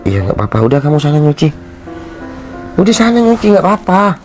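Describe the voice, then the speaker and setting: A man's voice: on the low side, moderate pace, a little mellow, natural voice. An actor playing a sick young husband who sounds weak and pained and keeps apologizing to his wife. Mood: reassuring. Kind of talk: short film acting. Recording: background music under the dialogue.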